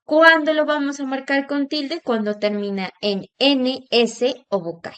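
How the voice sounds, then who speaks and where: A woman teacher giving a recorded lesson, drawing out example words slowly to show where the stress falls. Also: high voice, steady tone, fairly bright tone, clear, resonant tone. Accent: Latin American Spanish.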